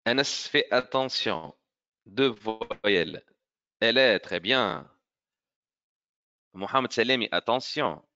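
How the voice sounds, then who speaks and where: A man teaching an online French grammar lesson to children, slow and careful in his explanations and encouraging as he praises pupils by name. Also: fairly low pitch, expressive, sharp tone, highs cut off.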